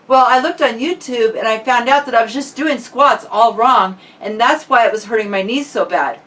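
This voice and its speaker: A woman with a rather high, slightly bright voice chats informally with viewers at a normal pace, like a fitness vlogger. The mic is set at a distance.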